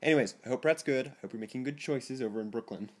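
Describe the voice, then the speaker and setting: A teenage boy telling a story to his camera in a casual vlog, rambling and self-conscious, often laughing and jumping into a higher, excited voice. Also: quick pace. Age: teens. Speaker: vlogger.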